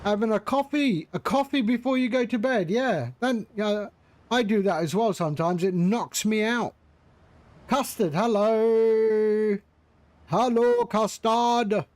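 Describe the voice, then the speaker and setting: A man's voice: high voice, slow, a little mellow, dry recording. A man streaming a flight simulator, chatting casually with his viewers, joking and laughing often. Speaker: flight sim livestreamer.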